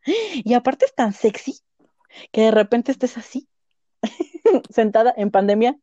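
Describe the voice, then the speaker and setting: A woman's voice: fairly high pitch, very animated, a little slow, mellow, no room sound, muffled recording. A young Mexican-accented woman in her twenties, a giggly podcast co-host chatting breezily. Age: 20s. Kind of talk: casual chat.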